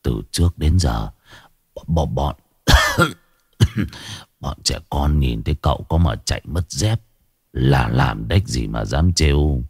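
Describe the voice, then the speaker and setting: A man voicing a sick, gruff older brother who coughs and groans. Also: extremely low pitch, lively intonation, slow, pauses often, no echo, clean studio sound, voice pushed down, full character voice. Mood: sick grumbling.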